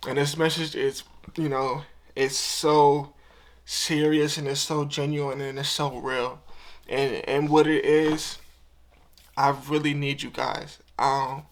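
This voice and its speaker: A young man of twenty talking to camera in a heartfelt, emotional vlog, earnest and casual, often repeating himself. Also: on the high side. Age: 20s. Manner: casual slang-filled talk. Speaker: YouTuber.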